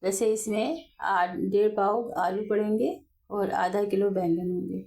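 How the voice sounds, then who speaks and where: A woman's voice: medium pitch, fairly even intonation, unhurried, vocal fry, darkish tone. A woman with an Urdu-speaking Pakistani accent, hosting a home cooking video from her kitchen, talking in a homely, chatty way and often correcting herself mid-sentence. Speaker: home cooking channel host. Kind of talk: chatty step-by-step cooking demo.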